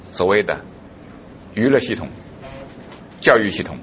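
A man's voice: lowish voice, lively intonation, measured pace, muffled recording, a little hiss or hum. A male pastor preaching a sermon, who keeps putting rhetorical questions to his congregation.

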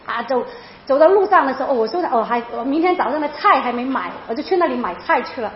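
High, fast-talking woman in an echoey room. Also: a little hiss or hum. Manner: animated, emotional retelling with many repeats. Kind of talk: personal testimony storytelling. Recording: roomy, dull lo-fi sound.

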